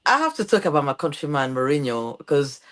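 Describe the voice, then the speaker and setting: A lively woman with a Portuguese accent hosts a podcast, chatting casually in an interview. Her voice is deep and brisk, and she tells stories animatedly, acting out quoted voices.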